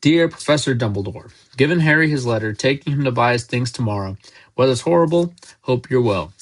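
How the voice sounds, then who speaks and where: Storybook giant: gruff, folksy, blustering, kindly , man reading. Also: medium pitch, lively intonation, fairly quick, lightly acted. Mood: gruff, exasperated. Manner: loud blustering outbursts, folksy speech.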